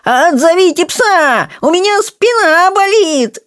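A man voicing a small, theatrical male kobold who squeals melodramatic, outraged protests in a shrill voice. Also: expressive, slow pace, a bit bright, dry recording, studio quality, full character voice.

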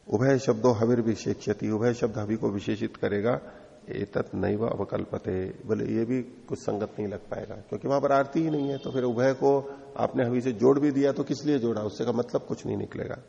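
A man's voice: medium pitch, gravelly, dark tone. A man teaching a Sanskrit philosophy text in class, reading lines aloud, explaining each one and dictating corrections. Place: teaching hall. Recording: dull lo-fi audio with long reverb in a hall.

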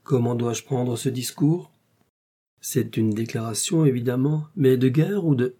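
A man reading aloud, voicing a gentle, devoted male friend who talks softly and drawls. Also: mid-range voice, unhurried, natural voice. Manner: soft, drawling.

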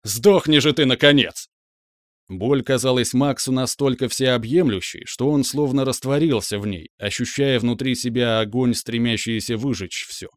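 A man narrating an audiobook in a steady, expressive storytelling voice. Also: medium pitch, moderate pace, few pauses, no echo, clean studio sound.

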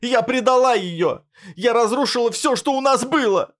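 A man voicing a distraught young woman who breaks into hysteria, her cries shrill and cracking. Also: moderate pace. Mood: hysterical.

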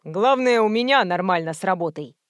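A woman's voice: mid-range voice, expressive, brisk, dry recording, dull audio, voice pushed down, natural voice. A woman voicing a rude, bossy male director who barks orders, in an audiobook reading. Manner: brusque, rude, commanding.

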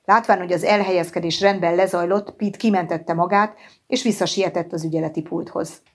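A woman narrating an audiobook in a measured, even reading style. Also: lowish voice. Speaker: audiobook reader.

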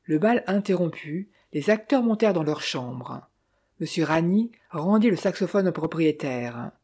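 A narrator reading a detective novel aloud in a measured, even manner. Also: mid-range voice, husky. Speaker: audiobook narrator. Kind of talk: literary audiobook narration.

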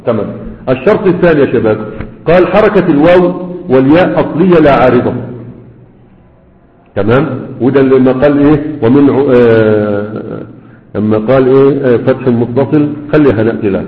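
A man's voice: medium pitch, a little fast. A man with an Egyptian accent teaching a grammar lesson to a class, explaining step by step and asking and answering his own questions. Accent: Egyptian Arabic. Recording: echoey hall over tinny phone-like sound.

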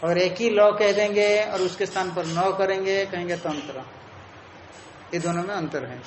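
A man's voice: sits high, moderate pace, echoey room, a little hiss or hum, rough recording. A man teaching a Sanskrit philosophy lecture, explaining step by step and repeating the key terms.

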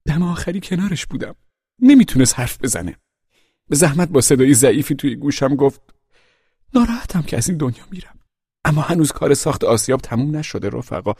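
A man's voice: on the high side, animated, warm tone, slightly rough, dry recording, studio quality, voice pushed up. A man putting on a sly, wheedling pig. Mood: fake grief. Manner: theatrical, falsely mournful then scolding. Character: sly male pig propagandist, smooth liar. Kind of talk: audiobook character voice.

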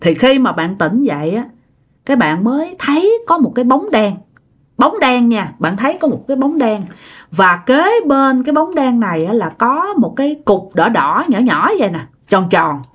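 A woman tells a ghost story in a high voice. She keeps it chatty and informal, turning to her listeners as she goes. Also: big pitch swings, moderate pace, husky. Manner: chatty, addresses listeners directly. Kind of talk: casual ghost-story narration.

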